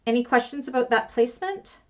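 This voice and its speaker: A woman's voice: fairly high pitch, expressive, quick pace. Woman, crafting instructor, chatty and self-mocking; slightly dull, lo-fi table mic. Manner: chatty, self-deprecating, talks to herself while working. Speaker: bag-making instructor. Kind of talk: live class instruction while sewing. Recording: slightly dull lo-fi with faint noise.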